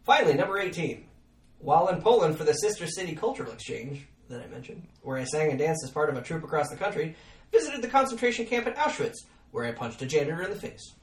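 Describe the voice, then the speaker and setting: A man's voice: on the high side, animated, fast, far from the mic. Self-mocking man telling stories in a roomy space. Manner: self-mocking, laughing storyteller. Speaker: podcast host. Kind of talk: casual storytelling chat.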